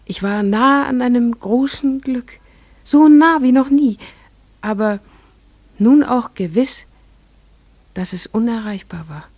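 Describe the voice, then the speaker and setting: With a fairly high, expressive voice, an actress narrates in the first person as a farmer's wife and mother in a scripted radio play. She moves at a measured, dreamy pace, dropping to a hush in places and rising to rapt wonder elsewhere.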